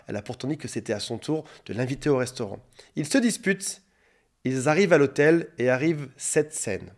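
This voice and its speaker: A man hosting his own coaching channel, explaining relationships directly to camera and acting out quoted lines now and then. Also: medium pitch. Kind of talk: talking-to-camera coaching monologue.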